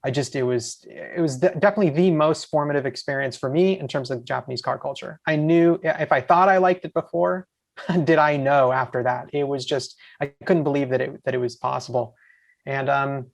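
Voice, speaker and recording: A man in his forties from the USA, a podcast guest, telling rambling, excited stories in casual chat and acting out his own lines. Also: mid-range voice, gravelly. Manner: excited, rambling, quotes himself.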